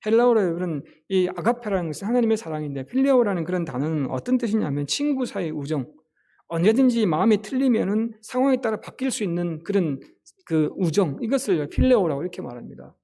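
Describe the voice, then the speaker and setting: A man's voice: high voice, expressive, fast talker, mellow. A man preaching a sermon as a pastor, speaking earnestly to the congregation and asking it rhetorical questions.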